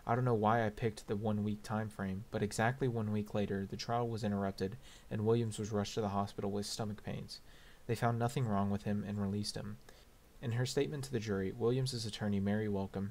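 A man narrating an audiobook in a measured, steady reading. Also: on the low side. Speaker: audiobook reader.

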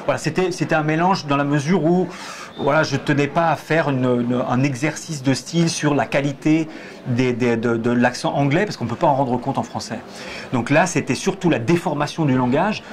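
Speaking at a moderate pace in a mid-range voice, a forties-aged stage director thoughtfully answers interview questions, hesitating and restarting many times while gesturing. He sits in a theatre auditorium box seat on a lapel mic, and busy crowd chatter runs behind him.

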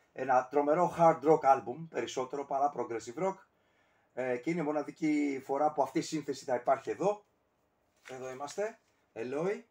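A man casually ranking albums on camera, talking in a rambling, digressive way with many fillers and self-corrections. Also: fairly high pitch. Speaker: music reviewer.

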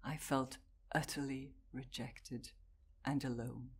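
A woman delivers a prepared talk to an audience, speaking in a low register. She takes her time, setting out each short phrase slowly and deliberately as she tells her own story. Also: steady tone, slightly rough.

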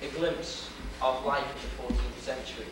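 This is a young man from Wales, Welsh accent and all, playing a history lecture for laughs and theatre in front of an audience. His mid-range voice keeps a level tone at normal speed. The far camera in the lecture hall with its projection screen captures echo and the noise of old video.

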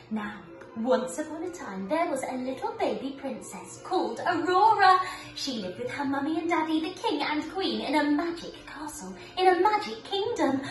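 A young woman teaching small children like an overbright kids party host, with sing-song delivery, coaxing questions and exaggerated oohs. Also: sits high. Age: young adult. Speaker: pre-school ballet teacher. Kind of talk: children's lesson and storytelling, talking to small children. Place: living room with wooden floor. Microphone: camera a few metres away. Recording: roomy echo, distant camera microphone, faint music.

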